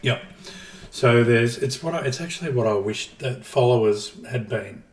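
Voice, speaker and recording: On a casual gaming podcast, a male co-host with a mid-range voice lays out his ideas at length at a moderate pace, slipping in dry jokes. He sounds distant from the mic in a roomy recording.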